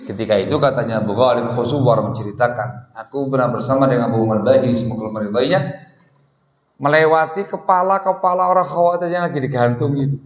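A man's voice: medium pitch, fast talker. A man giving a religious lecture, telling a story and often repeating words and Arabic phrases for emphasis. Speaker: Islamic preacher. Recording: muffled echoey hall recording.

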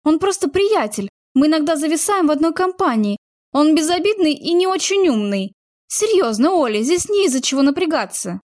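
A woman's voice: high-pitched, expressive, moderate pace, no room sound, clean studio sound, pitched above the performer's own voice. Woman playing a fiery defensive young girlfriend. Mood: heated. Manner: heated, pleading outbursts.

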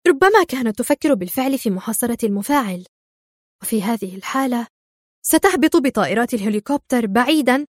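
A woman voicing a ruthless, quick-tempered female crime boss who snaps orders, in an audiobook. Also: a little high, expressive, dry recording, clean studio sound. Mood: scheming. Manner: sharp, imperious, snapping orders. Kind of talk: audiobook character voice.

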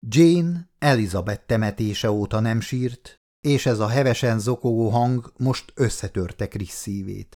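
A man's voice: fairly low pitch, few pauses, darkish tone. A man narrating an audiobook in a dramatic way, acting out the characters' lines. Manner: dramatic, voices the dialogue.

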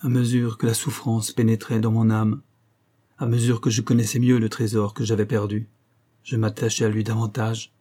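A man reading an audiobook and voicing a remorseful young wife, who speaks softly, humbly and imploringly. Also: on the low side, level tone, normal speed, lightly acted. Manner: soft, imploring and contrite.

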